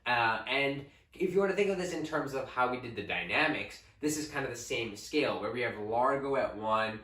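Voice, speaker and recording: Bright young man teaching in a roomy echo. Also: mid-range voice, a little fast, far from the mic. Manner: relaxed, conversational, with fillers. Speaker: co-host music teacher. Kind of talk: casual explanatory lesson. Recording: roomy echo, away from the mic.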